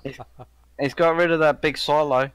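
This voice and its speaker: A man's voice: fairly high pitch, fairly even intonation, moderate pace, a bit bright, smooth, no room sound. A man playing a farming game with friends, asking plain, practical questions in casual chat. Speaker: co-player on a stream.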